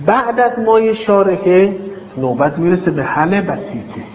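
A man teaching a logic class, dictating terms slowly and then explaining them with quick everyday examples. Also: high-pitched, animated. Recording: echoey, dull hall recording with faint hiss.

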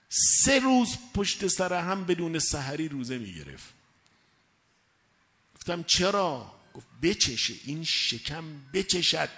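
Emphatic male preacher in echoey hall. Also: on the high side. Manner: emphatic, slow measured delivery with sudden loud rises. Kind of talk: sermon.

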